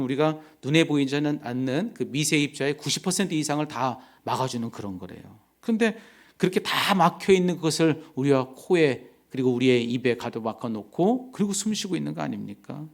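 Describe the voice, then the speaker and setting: A male pastor preaching a sermon, swinging from loud emphatic lines to soft whispered words of comfort. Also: fairly high pitch.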